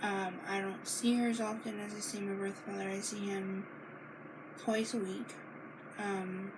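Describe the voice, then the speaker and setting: Young woman, casual sit-down Q and A, slow and halting delivery, audible background noise. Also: mid-range voice, little pitch movement. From Maine, United States. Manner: halting, many fillers and restarts, reading questions aloud. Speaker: vlogger answering questions. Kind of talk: casual Q and A monologue. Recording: noisy home recording.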